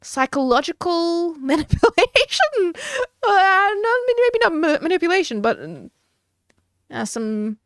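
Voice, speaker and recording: Woman, streamer, casual drawing chat, musing and giggly, unhurried, dry close sound. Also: extremely high pitch, big pitch swings, dry recording.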